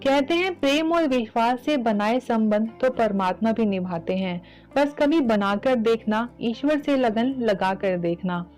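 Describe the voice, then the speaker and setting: Woman, devotional storyteller, earnest, fairly high voice, faint music behind. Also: expressive, measured pace, darkish tone, rough recording. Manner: earnest, addresses listeners. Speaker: storyteller, channel host.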